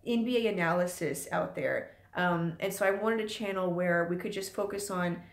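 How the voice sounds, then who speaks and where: Speaking at a normal speed in a lowish voice, this late-twenties woman chats casually on her channel's live stream. She rambles and says um a lot, broadcasting from an echoey room in her home.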